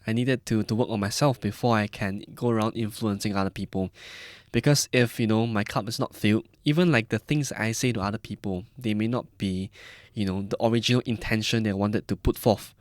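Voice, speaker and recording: A man in his early twenties with a Malaysian-Singaporean accent tells personal stories in conversation as a podcast guest. His voice sits on the low side and moves fairly quickly, in a dry, studio-quality recording.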